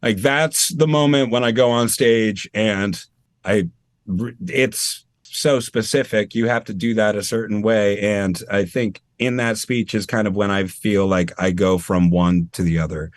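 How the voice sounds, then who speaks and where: This is a man from Maine, a tribute performer, talking casually as an interview guest on a video call. His voice sits on the low side and he speaks unhurriedly, chatty, animated and self-deprecating, with no room sound in the recording.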